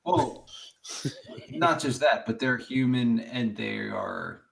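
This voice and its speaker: A man's voice: mid-range voice, takes it slowly, creaky, fairly bright tone, slight background noise. A man playing a tabletop roleplaying game, carefully talking through plans with the group. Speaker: player. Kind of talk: casual tabletop chat.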